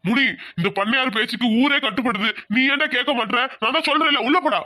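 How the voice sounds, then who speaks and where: A man's voice: extremely high pitch, fast talker, bright, forceful tone, dry recording, full character voice. An actor playing an elderly village landlord and grieving grandfather in a cartoon drama, consoling and commanding. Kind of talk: Tamil cartoon drama voice acting.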